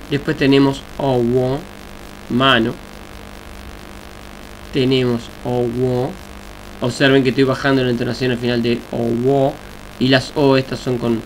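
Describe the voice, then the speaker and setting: A man teaching a recorded Yoruba language lesson, explaining slowly and deliberately with examples. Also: mid-range voice, rough recording. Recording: faint hiss and mains hum.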